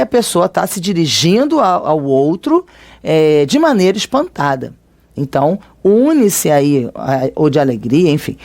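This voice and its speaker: Grammar teacher, Brazilian Portuguese accent, mid-pitched and expressive, talks students through it casually. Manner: conversational, checks in often with tag questions. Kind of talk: recorded grammar lesson.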